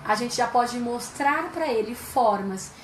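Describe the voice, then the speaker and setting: A woman's voice: fairly high pitch, unhurried, echoey room, slight background noise. A Brazilian woman psychologist explaining things in a live-stream chat, asking rhetorical questions as she goes. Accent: Brazilian Portuguese.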